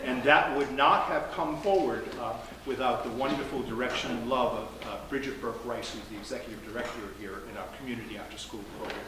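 A man's voice: medium pitch, brisk, hardly any pauses, heavy reverb, background noise. A man, the pastor, giving friendly, joking announcements and reading prayers to his congregation in church. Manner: chatty and joking between formal prayer. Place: large church sanctuary. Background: congregation murmuring.

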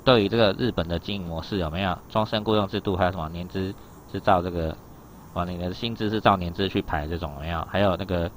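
A man's voice: deep voice, noisy background. A man teaching an exam reading lesson, explaining in a loose chatty way and keeping asking his students whether they follow. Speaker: Japanese teacher.

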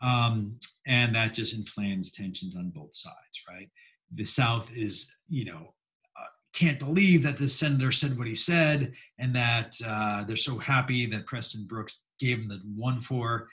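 A man's voice: mid-range voice, a little slow, a bit bright, poor audio. A man teaching a history class in a casual, jokey way, acting out quotes in mock voices. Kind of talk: classroom lecture.

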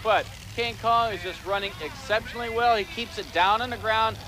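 Male color man, high voice, folksy and excitable about the racing. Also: brisk, noisy background. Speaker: color commentator. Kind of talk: sports commentary.

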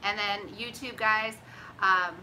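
Bright-voiced woman hosting live. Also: mid-range voice, fairly even intonation, slow, slight background noise, low-quality recording. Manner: chatty, folksy, drawls "y'all". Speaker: keto cooking host. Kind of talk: casual live-stream chat. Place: home kitchen. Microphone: phone camera at arm's length.

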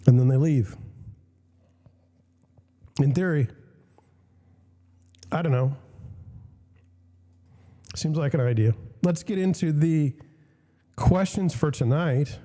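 A man's voice: a little high, warm tone, long reverb tail. Young man with a scratchy voice. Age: young adult. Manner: opinionated, halting with restarts. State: scratchy voice with a cough. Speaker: host. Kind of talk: casual commentary reading news and questions.

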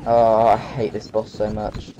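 A man's voice: lowish voice, completely flat delivery, unhurried, warm tone, muffled recording, a little hiss or hum. A man giving live gameplay commentary as a let's play gamer, grumbling and sarcastic. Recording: game music behind the voice.

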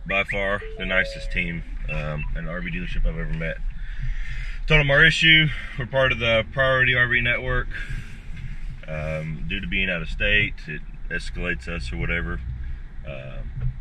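Man in his thirties, low voice, casual vlog updates from a truck cab, arm's-length camera. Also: moderate pace, sharp tone, a little hiss or hum. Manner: chatty, matter-of-fact updates. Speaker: vlogger. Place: inside a pickup truck. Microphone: camera held at arm's length.

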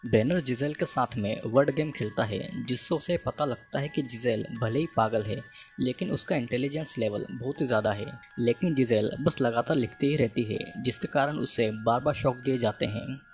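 A man's voice: mid-range voice, moderate pace. Man narrating a movie recap over music. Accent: Hindi. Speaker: movie explainer. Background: faint background music.

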